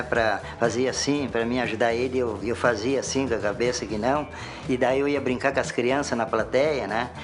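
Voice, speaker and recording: A Brazilian former wrestler, a man, casually recalling his old ring roles. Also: medium pitch. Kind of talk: casual reminiscing.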